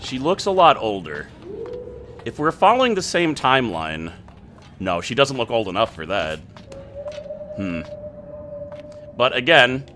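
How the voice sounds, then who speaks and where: Brief: chatty male gameplay commentator, bright and animated. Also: mid-range voice, a little hiss or hum. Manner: chatty, musing aloud, laughing asides. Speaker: gameplay host.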